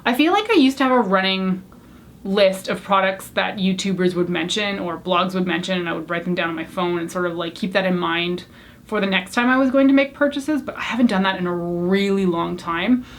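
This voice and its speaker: A young beauty YouTuber, whose first language was French, chats candidly to the camera while answering a tag of questions in a casual Q&A video. She's chatty and self-deprecating, with a brisk, medium-pitched voice, and there's slight background noise.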